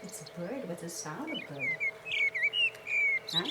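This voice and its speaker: A woman teaching a small child animal names in a home video. She speaks slowly and patiently, and her pitch swoops up and down in a lively sing-song. She sounds far from the mic in an echoey room, with loud noise behind her. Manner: slow, patient questioning with sing-song prompts.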